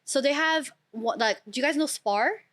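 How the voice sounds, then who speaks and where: A woman's voice: sits high, moderate pace, fairly bright tone. A young woman from Portugal chatting casually and telling personal anecdotes as a podcast guest.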